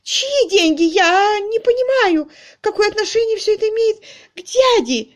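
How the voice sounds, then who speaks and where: A woman voicing a fussy, panicky spinster who squeals in a very high voice. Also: big pitch swings, slow, full character voice. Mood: shrieking.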